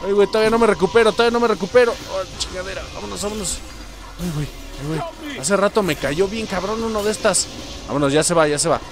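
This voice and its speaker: A man with a Mexican accent giving excited let's-play commentary, yelping, swearing and talking to his viewers. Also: high voice, fast talker, over music. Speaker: gameplay streamer.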